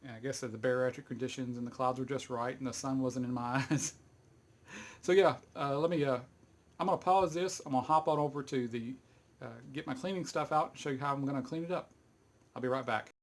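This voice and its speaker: A middle-aged Texan YouTube hobbyist walks through cleaning a fidget spinner in a casual how-to demo. He rambles in a folksy way, chuckles often and uses lots of fillers. His mid-range voice is brisk.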